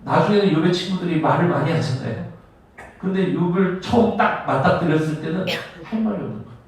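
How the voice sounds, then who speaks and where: High-voiced preaching man in echoey hall. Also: fast. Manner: emphatic preaching, swings from loud to hushed. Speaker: pastor. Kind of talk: sermon. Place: church sanctuary. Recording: echoey church hall, mic at a distance.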